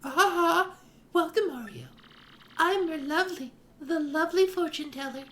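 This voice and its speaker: A man's voice: extremely high pitch, a little slow, sharp tone, voice pushed up, heavily acted. A man voicing a lovely female fortune teller with mystical, theatrical patter, reading game dialogue. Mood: mystical, inviting.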